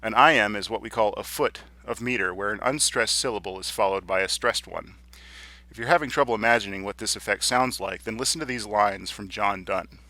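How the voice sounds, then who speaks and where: A man teaching a lesson, explaining clearly and reading poems aloud slowly. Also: fairly low pitch, sharp tone, no room sound. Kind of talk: recorded lecture.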